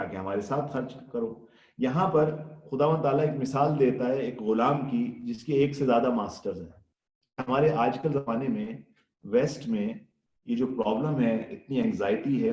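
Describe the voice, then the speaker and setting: Man, sermon, animated storytelling, mid-pitched voice, echoey hall. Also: dull audio. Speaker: Islamic scholar giving a Ramadan lecture. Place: Ireland. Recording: echoey room.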